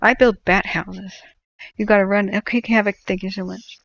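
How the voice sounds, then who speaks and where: A woman's voice: medium pitch, steady tone, normal speed, creaky, fairly bright tone, no room sound, lo-fi sound. A woman hosting a livestream, chatting casually and explaining things to viewers in an opinionated, emphatic way. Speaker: livestream host.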